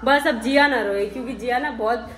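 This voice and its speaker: A woman on a family vlog, talking in a lively, teasing way to the children and the camera. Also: a little high, fairly quick, rough recording. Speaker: vlogger. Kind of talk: casual family vlog talk.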